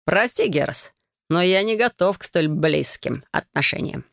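A woman voicing a calm, wry young male dragon in an audiobook. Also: lowish voice, normal speed, gravelly, dry recording, studio quality. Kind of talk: audiobook character voice.

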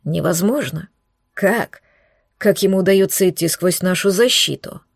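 A woman's voice: on the low side, creaky, no echo, studio quality. A woman voicing a stern male sky lord and general who speaks curtly and grimly. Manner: curt, grim, measured.

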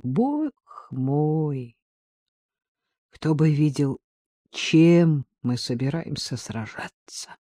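Nervous young lookout, strained, hushed, mellow tone, dry sound, read by the narrator. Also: mid-range voice, unhurried, no echo, close to an everyday voice. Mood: tense. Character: anxious young man watching armed bandits.

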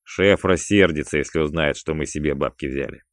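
Hulking crude male henchman, coarse and grumbling, played by a man in a deep, dry voice. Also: a little fast, no echo. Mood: gruff. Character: big, crude, greedy male thug henchman.

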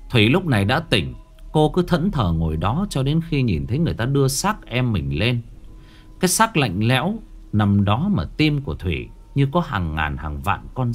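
Lively male ghost story narrator. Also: lowish voice, husky.

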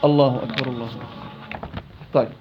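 A man's voice: mid-range voice, fairly even intonation, rapid-fire, lo-fi sound, over music. A man teaching a recitation class, quizzing students and repeating words to demonstrate them. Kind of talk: classroom lesson.

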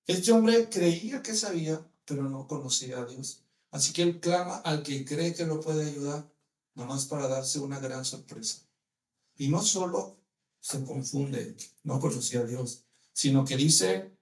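Male preacher, high-pitched, animated and questioning, distant echoey sound. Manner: animated, asks the listeners many rhetorical questions. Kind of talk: sermon.

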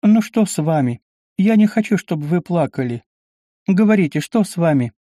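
A man's voice: high voice, animated, moderate pace, mellow, no echo, clean studio sound, voice pushed up. A man doing a spirited teenage girl. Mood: concerned. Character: lively teenage village girl, shy but spirited.

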